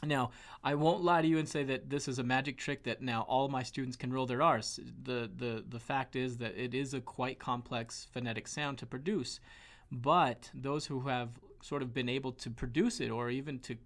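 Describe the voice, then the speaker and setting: This Spanish teacher, a man from the western United States with a Western American accent, stumbles through a pronunciation lesson with many fillers and restarts. His voice is mid-range with fairly even intonation at a normal speed.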